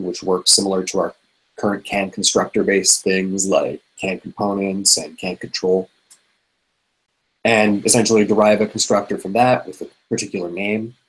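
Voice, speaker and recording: Man, very low voice, methodical developer walking the team through code options on a meeting call. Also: rough recording. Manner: methodical, walks through code examples step by step. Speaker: developer presenting proposals. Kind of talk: technical explanation in a meeting. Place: online contributors meeting.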